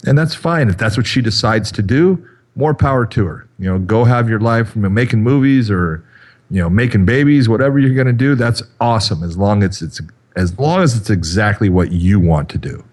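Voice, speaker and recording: A man in his fifties talks on a podcast with a lowish voice, rambling from thought to thought and padding his lines with fillers. He sounds easygoing and conversational. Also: expressive, normal speed, a little mellow. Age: 50s. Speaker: podcast co-host. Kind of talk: casual chat.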